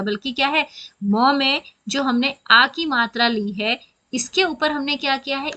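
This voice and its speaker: A woman's voice: sits high, sharp tone. A woman teaching grammar in a patient, explanatory way, asking questions and then answering them herself. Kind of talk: classroom explanation.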